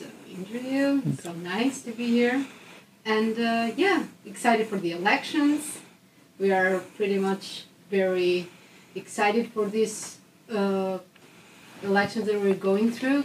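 A woman's voice: mid-range voice, measured pace. A young woman from Albania with an Albanian accent, speaking casually as a student guest in an interview. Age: young adult. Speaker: student election candidate, guest. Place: echoey room described as a recording studio. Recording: roomy echo, distant mic, faint noise.

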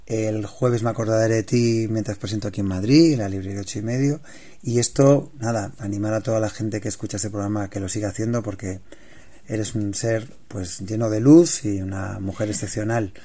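A man with a peninsular Spanish accent, an author chatting as a guest in a casual interview, animated and often repeating his words. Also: lowish voice, fairly quick. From Spain.

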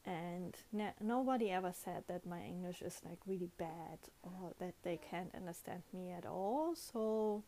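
A young woman's voice sits on the low side, dark in tone and a little slow, with few pauses and a faint hiss or hum behind it. She hosts a podcast, chatting casually in English with a German accent and repeatedly restarting and fixing her sentences.

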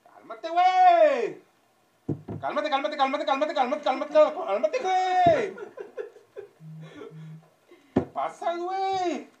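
A man's voice: very high-pitched, big pitch swings, muffled recording, pitched above the performer's own voice, heavily acted. A man playing a rowdy, impatient café customer who bellows for the waiter and repeats words over and over. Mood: pushy mocking. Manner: shouting and repeating words rapid-fire. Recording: echoey room, mic far off, loud background noise.

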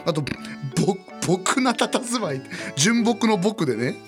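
High, lively man trading quick retorts. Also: music in the background. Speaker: podcast co-host. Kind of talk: casual chat.

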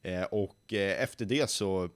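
A lively nineteen-year-old man talks in a fairly low voice, telling how his company got started. His voice is close and dry, with no room sound behind it. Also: no echo. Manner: lively storyteller who acts out quoted voices. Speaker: young company founder, guest. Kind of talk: casual podcast interview.

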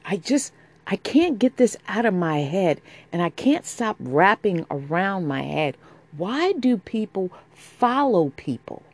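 Slow, sultry woman podcast host. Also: mid-range voice, darkish tone. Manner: sultry, slow, intimate delivery. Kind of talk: scripted-sounding podcast intro.

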